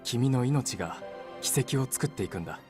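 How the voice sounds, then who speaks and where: A man's voice: medium pitch, quick pace, over music, lightly acted. A man voicing a teasing god of fate. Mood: mysterious. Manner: calm, knowing, lightly teasing. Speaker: voice actor. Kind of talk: Japanese game voice acting.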